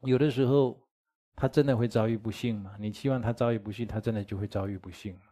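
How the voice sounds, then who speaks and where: A man's voice: fairly low pitch, fairly even intonation, fast talker, mellow. A man giving a dharma lecture as a Buddhist teacher, speaking conversationally, chuckling and asking his listeners rhetorical questions.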